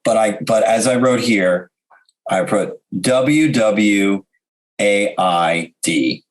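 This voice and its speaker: A man chatting casually and jokingly as a podcast guest, often halting and repeating words as he thinks. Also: on the low side, lively intonation, low-quality recording.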